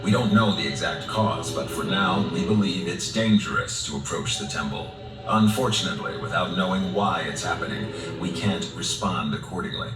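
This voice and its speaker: Deep, grave male actor as a game director. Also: lightly acted. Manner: formal, measured, deliberate. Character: grave, composed male director of a secret organization. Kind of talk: video game voice acting. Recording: roomy, distant sound under loud music.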